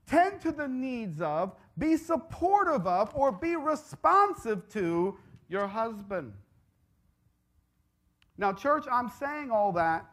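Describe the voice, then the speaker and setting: A woman's voice: fairly high pitch, fairly bright tone. A woman preaching a sermon, emphatic and repetitive, calling out to the congregation and stressing her key words. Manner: emphatic, repeats phrases, calls out to the congregation.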